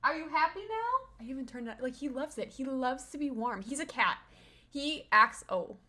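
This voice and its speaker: A young woman streamer with a bright, forceful voice pitched a little high, rambling casually from her room at home. She slips into cooing baby-talk when she addresses her dog, then drifts back into loose, chatty storytelling. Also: moderate pace. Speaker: livestreamer. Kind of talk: casual live-stream chat.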